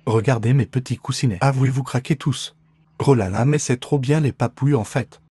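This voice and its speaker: A man's voice: mid-range voice, fairly quick, warm tone, husky, no echo, natural voice. A man voicing a cheeky, boastful pet ferret in a playful, mock-dramatic comic voice-over.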